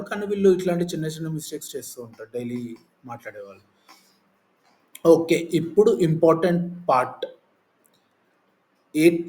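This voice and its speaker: A man's voice: on the high side, mellow. A man teaching in a casual lesson, explaining with lists and everyday examples. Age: adult. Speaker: English teacher.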